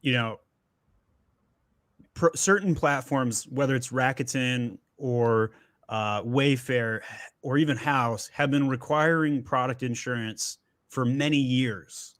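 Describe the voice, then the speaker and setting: A man's voice: mid-range voice, slow pace, a bit bright, no room sound. Upbeat joking male host, dry sound. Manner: upbeat, joking, chatty asides. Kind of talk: live Q&A interview.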